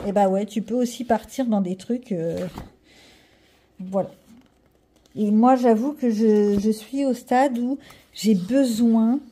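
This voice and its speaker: A woman's voice: fairly high pitch, warm tone. A middle-aged woman chatting casually to her viewers as she shows off a haul, rambling with self-mocking asides. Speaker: vlogger showing a coloring-book haul. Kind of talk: casual chat to camera.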